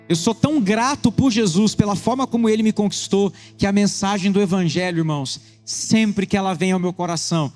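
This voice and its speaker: A Brazilian pastor with a fairly high voice, preaching with earnest intensity. He switches between rushed phrases and slow, weighty lines. The sound carries a long echo from the church hall. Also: a little mellow. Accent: Brazilian Portuguese. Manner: earnest, shifts between quick bursts and slow emphasis. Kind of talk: sermon with personal testimony.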